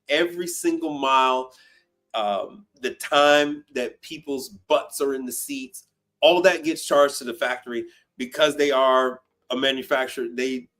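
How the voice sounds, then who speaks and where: A man's voice: mid-range voice, fairly bright tone. A man in his fifties hosting a casual call-in live stream, blunt and profane, often repeating himself for emphasis. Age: 50s.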